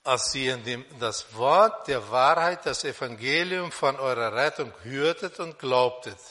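A man preaching a sermon on a Bible passage, speaking slowly and deliberately with pauses and fillers, in a church hall. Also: medium pitch, expressive, sharp tone. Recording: long reverb of a hall.

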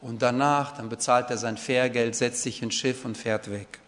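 A man's voice: medium pitch, steady tone, moderate pace, slight background noise. A man preaching a sermon in German, earnest, sometimes rising to fervent pleading. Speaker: pastor. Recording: long reverb of a hall.

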